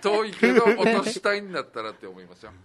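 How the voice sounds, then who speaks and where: A man co-hosting a casual radio chat, quick and joking. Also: sits high, big pitch swings, a crowd in the background. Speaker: radio co-host.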